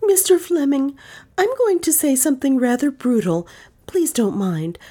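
A woman voicing a desperate, earnest young woman who pleads urgently in a high voice. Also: sing-song, unhurried, mellow. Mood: fiery.

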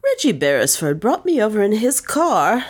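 A woman's voice: mid-range voice, huge pitch swings, normal speed, slightly rough, pitched above the performer's own voice. Woman playing a careless young dandy for an audiobook, airy and offhand. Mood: breezy. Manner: light, breezy, careless. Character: foppish young man about town, airy and heartless.

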